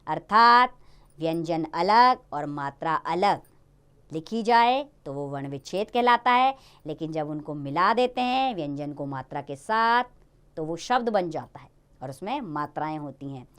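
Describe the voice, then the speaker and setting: A woman teaching a Hindi grammar lesson to young children in a lively, sing-song way. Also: sits low, normal speed, smooth.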